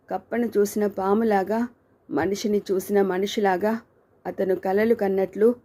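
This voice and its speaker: Warm-voiced woman narrating a dramatic novel. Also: mid-range voice. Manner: steady, dramatic storytelling. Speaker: audiobook narrator.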